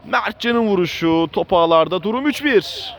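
A man calls a live amateur football match as its commentator. He is excited, screaming out shots and goals. The recording has some outdoor noise and traffic behind him. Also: sits high, moderate pace.

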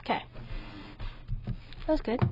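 A woman's voice: measured pace, muffled recording, background noise. A woman commentating her own gameplay with a sore throat, chatty and talking to herself with mild exclamations. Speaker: gameplay video host. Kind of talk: let's play commentary.

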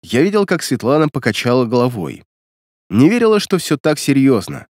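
Male audiobook narrator, ironic first-person read, expressive, dead-dry studio. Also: medium pitch, fairly quick, no room sound. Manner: wry, ironic storytelling.

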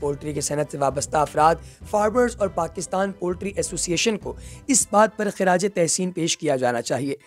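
A documentary narrator delivers a scripted, explanatory voice-over at a mid pitch. The narrator keeps turning to the audience as friends between steps. Soft music plays faintly underneath. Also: expressive, fairly quick. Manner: addresses listeners as friends, explanatory. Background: faint background music.

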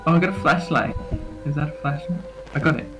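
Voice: mid-range voice, fast talker, over music, poor audio. A jumpy, scared horror game streamer chatting casually and expressively while playing as co-host. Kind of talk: casual gameplay chat.

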